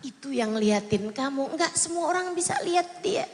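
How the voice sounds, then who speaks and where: A woman preacher voicing a calm, wise male prophet who questions and comforts a scared young man in a retold story. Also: high-pitched, moderate pace. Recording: long hall reverb.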